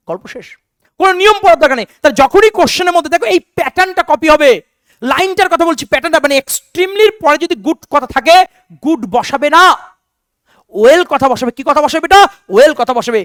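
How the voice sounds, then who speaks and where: A man's voice: very high-pitched, a bit bright, dry recording, studio quality. A man teaching an online exam-prep lesson, drilling answers with repeated questions and calling his students "বেটা".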